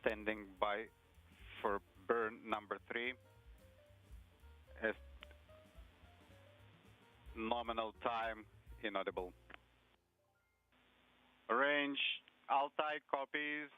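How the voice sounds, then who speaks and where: A low-voiced man relays clipped procedural callouts at a slow, deliberate pace. His smooth voice comes through a tinny space-to-ground radio link. Faint music sits underneath. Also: steady tone. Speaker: interpreter relaying spacecraft comms.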